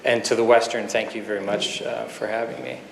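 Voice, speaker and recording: A man in his fifties, a surgeon giving an earnest keynote speech full of anecdotes, with pauses and fillers, at a podium microphone in a conference hall. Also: mid-range voice, level tone, creaky, a little hiss or hum. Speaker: guest speaker, surgeon. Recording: echoey hall with faint ambience.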